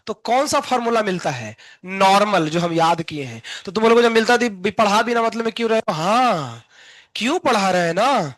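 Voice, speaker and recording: A man's voice: very high voice, fairly bright tone, no echo, low-quality recording. A man teaching a live online class, chatty and teasing his students while mixing English terms into his explanations.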